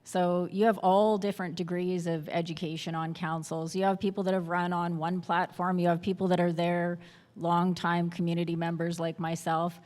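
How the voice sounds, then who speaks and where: A woman's voice: lowish voice, flat delivery, normal speed, a little mellow. A woman mayor speaking in a plain, practical way on a conference panel. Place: conference hall. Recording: reverberant conference hall.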